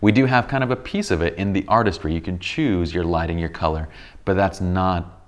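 In a bright studio set furnished with a sofa, a man in his thirties teaches photography basics in a relaxed tutorial, speaking a little fast. His deep voice carries some tiredness from a long day, yet he stays enthusiastic, restarting often and offering many examples.

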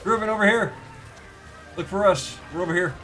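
A man's voice: high-pitched, fairly quick, a bit bright, faint music behind. A man streaming a video game with a friend, bantering playfully in casual chat.

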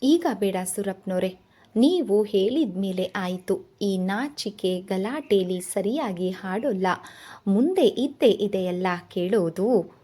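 A woman's voice: mid-range voice, lively intonation, takes it slowly, warm tone, slightly rough. A woman voicing a polite, modest young bridegroom in a novel reading, speaking in a restrained way. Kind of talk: storybook narration.

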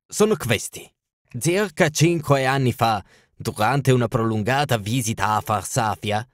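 A man's voice: medium pitch, fairly bright tone, dry recording, studio quality. A man voicing a proud, towering masked king. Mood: urgent. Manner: solemn, formal, urgent.

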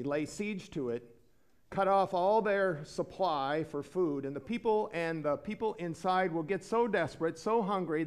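A man preaching a sermon in a church, earnest, lifting his voice for emphasis and then dropping low. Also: clean tone. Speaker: pastor. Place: church sanctuary.

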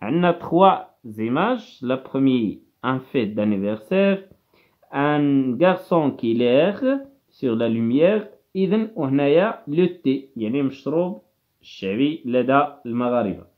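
Moroccan man, teacher explaining a lesson, mid-pitched, heard over a tinny phone-like line. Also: expressive, moderate pace. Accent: Moroccan Arabic. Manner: explains patiently, sounding words out syllable by syllable.

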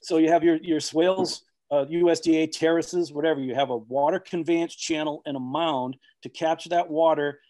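A man's voice: fairly high pitch, fairly even intonation, moderate pace, hardly any pauses, a little mellow. A man speaking on an online expert panel over a video call, rambling with many fillers and restarts.

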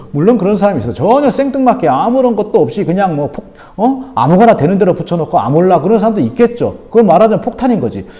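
A middle-aged man talks bluntly to his audience in casual spoken commentary, firing off rhetorical questions. His voice sits high for a man, with a mellow, dark tone, and it swoops up and down a lot. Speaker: teacher and channel host.

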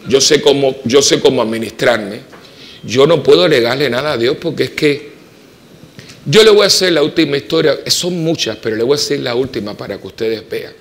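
A man with a Puerto Rican accent, a parish priest preaching a homily full of personal stories, swinging from emphatic peaks to soft, quiet asides. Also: medium pitch, fairly quick, slight background noise. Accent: Puerto Rican Spanish. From Puerto Rico. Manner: animated storytelling, rising to emphatic peaks and dropping to soft asides. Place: church.

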